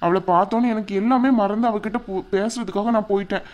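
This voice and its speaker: A woman's voice: mid-range voice, steady tone, quick pace, muffled recording, noisy background, close to an everyday voice. A woman voicing a heartbroken young husband in a cartoon drama, who talks wearily and begs to be left alone. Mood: bitter. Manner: weary, pleading to be left alone.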